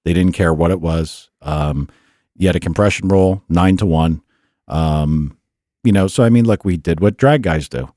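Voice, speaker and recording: A man with a fairly low voice tells a long story in a relaxed, chatty way. He gets animated and jumps higher when he acts out what other people said. The sound is dry and close, with no room echo. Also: moderate pace. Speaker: podcast guest. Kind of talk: casual storytelling.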